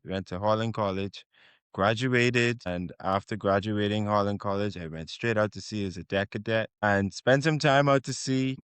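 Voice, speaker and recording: A man in his thirties speaks in a measured, plain-spoken way as an interview guest. His voice sits a little low and sounds smooth and resonant. The recording is dry, with no room sound. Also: a bit bright, no room sound. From Bahamas. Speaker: guest marine surveyor. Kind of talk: podcast interview answers.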